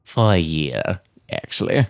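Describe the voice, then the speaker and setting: Brash, greedy female adventurer, woman acting: low-pitched, unhurried, deadpan to indignant, comic audio drama. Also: gravelly, heavily acted. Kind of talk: comedic fantasy audio drama.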